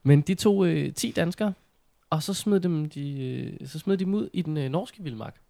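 A man in casual conversation, telling things in an informal, animated way with mild slang. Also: a little high, creaky. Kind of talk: casual chat.

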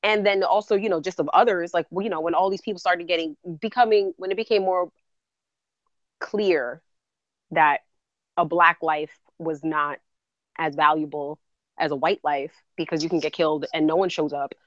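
A woman's voice: sits low, steady tone, moderate pace, dry recording, highs cut off. A woman co-hosting a podcast, talking candidly and reflectively in casual chat, laughing often. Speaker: podcast co-host.

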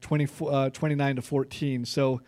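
A man's voice: medium pitch, normal speed, no room sound. A man with a Californian accent co-hosting a sports podcast, chatting casually and reading out team records. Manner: reads stats, relaxed and conversational.

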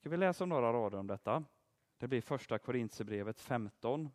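Lively man teaching Bible story. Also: mid-range voice. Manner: lively, asks the audience questions and praises answers. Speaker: preacher teaching a group.

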